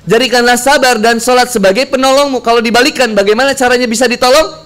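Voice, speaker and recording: A man's voice: very high-pitched, quick pace, clear, resonant tone. A man giving a casual sermon, telling stories and acting out heartfelt prayers. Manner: slangy, animated storytelling with prayers acted out. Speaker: preacher.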